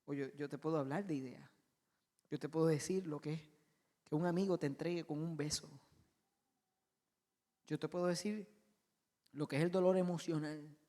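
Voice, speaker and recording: A preacher dropping into Jesus, a calm and gentle grown man who speaks low and slow with quiet assurance. The voice rings with the long reverb of a church hall. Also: close to an everyday voice.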